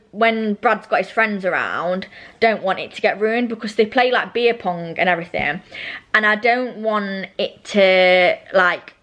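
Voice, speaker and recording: A young British woman talks to her vlog audience in an informal, chatty style. She rambles and often interrupts herself. Her speech is a little slushy, as she has braces with elastic bands, and her voice sits at a medium pitch. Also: a bit bright, lo-fi sound. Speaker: vlogger.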